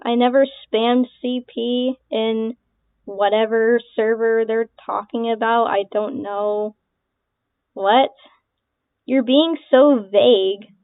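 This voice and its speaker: Speaking slowly with a slightly high, fairly even voice that is clear and resonant, the young woman reacts casually to accusations made against her as an online creator. She is dismissive and sarcastic, swears often and laughs between comments. The sound is dry, tinny and lo-fi, like a phone.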